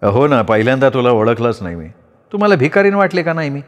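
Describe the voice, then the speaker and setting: A male storyteller voicing a proud, sharp-tongued young village woman who speaks in a pleading, reproachful way. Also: rumbling low, sing-song, fast talker, big-room sound. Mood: bitter.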